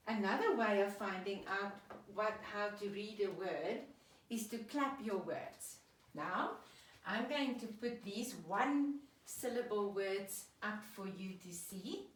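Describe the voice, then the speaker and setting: A woman's voice: mid-range voice, expressive, slow. A woman teacher giving a children's reading lesson, patiently sounding out and clapping words. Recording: echoey room, voice from a distance.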